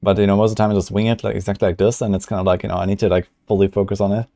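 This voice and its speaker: Young male streamer, low mellow voice, loose rambling chatter, dry close sound. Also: flat delivery, very fast, creaky, dry recording. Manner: rambling, filler-heavy. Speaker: gaming streamer. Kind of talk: casual livestream commentary.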